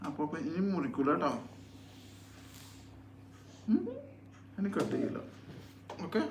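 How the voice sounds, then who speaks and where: A father talking softly with his young child at home, coaxing and soothing with repeated gentle questions. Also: fairly high pitch, animated, measured pace, gravelly, a little hiss or hum. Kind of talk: casual home video chat with his child. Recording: roomy echo.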